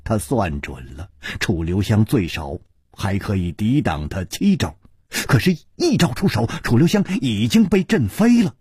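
Husky male storyteller with a wildly swinging delivery. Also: lowish voice, very animated, a little slow, a little mellow, no room sound, clean studio sound. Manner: dramatic, rising and falling delivery. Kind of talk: traditional Chinese storytelling narration.

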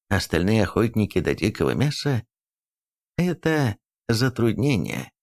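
A man reading a novel aloud as a narrator, in an even storytelling manner. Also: mid-range voice. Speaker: audiobook narrator. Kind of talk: scripted narration.

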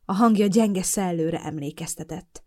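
A woman narrating a first-person audiobook with an expressive storytelling delivery. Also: lowish voice.

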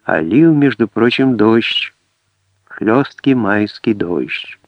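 Low-voiced man narrating an audiobook. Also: animated, no room sound. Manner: measured storytelling. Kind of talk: scripted narration. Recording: dry, dull lo-fi audiobook.

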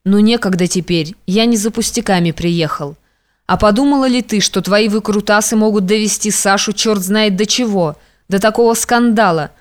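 A woman's voice: mid-range voice, moderate pace, natural voice. Give me a commanding, threatening young man, as a woman narrator voices him in an audiobook. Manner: harsh, commanding, contemptuous. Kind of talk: audiobook reading.

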